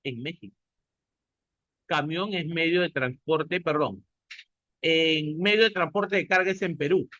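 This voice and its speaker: A man's voice: on the high side, a little slow, long pauses, bright, forceful tone, no echo, dull audio. A man from Peru with a Peruvian Spanish accent, lecturing a class and answering his own questions. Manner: asks the class questions and answers them himself. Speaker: teacher.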